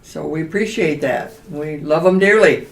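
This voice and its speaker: A woman's voice: low-pitched, moderate pace. An older woman co-hosting a casual interview chat in a senior community. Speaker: podcast co-host, senior community resident. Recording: roomy echo, distant from mic.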